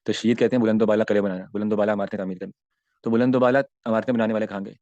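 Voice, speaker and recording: A man's voice: lowish voice, fairly even intonation, dark tone, no room sound, lo-fi sound. A man, teaching an Islamic class and explaining Arabic verses, with many rhetorical questions and emphatic rises and falls.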